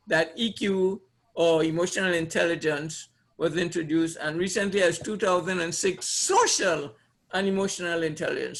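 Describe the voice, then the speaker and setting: In a high, fairly bright voice, a Trinidadian presenter chats his way through an informal seminar before a live audience. He often repeats phrases and asks his listeners questions, his accent marking him as from Trinidad in the Caribbean.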